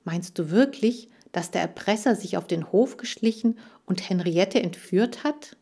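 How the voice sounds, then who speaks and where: A woman's voice: medium pitch, animated, measured pace, mellow, breathy edge. A practical girl detective in an audiobook, read by a woman. She speaks firmly and matter-of-factly, taking charge. The voice stays close to the reader's own. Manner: firm, matter-of-fact. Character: level-headed girl detective, firm and practical.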